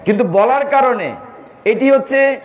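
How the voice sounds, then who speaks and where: A man's voice: extremely high pitch, unhurried. A man giving a devotional sermon, telling stories, asking his listeners questions and acting out quoted lines. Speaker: preacher.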